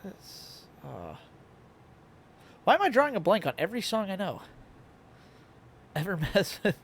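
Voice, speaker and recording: A man's voice: sits high, big pitch swings, measured pace, slightly rough. A young man chatting casually on a live stream, playful and fond of toying with his voice, with the hiccups. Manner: playful, plays with his voice and octaves.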